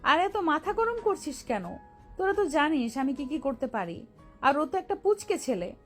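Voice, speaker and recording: A woman's voice: sits high, big pitch swings, moderate pace, soft background music. A woman voicing a hot-tempered, domineering young female gang leader in an audio drama, speaking in a curt, commanding tone. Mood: smug. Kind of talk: Bengali audio love-story drama.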